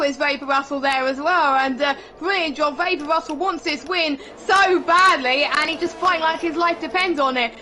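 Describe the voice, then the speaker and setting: A woman calls a sim race live with an excitable, exclamation-filled delivery. Her voice sits high and bright, with a sharp edge. A faint hiss runs underneath. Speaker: esports race commentator. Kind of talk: live sim racing commentary.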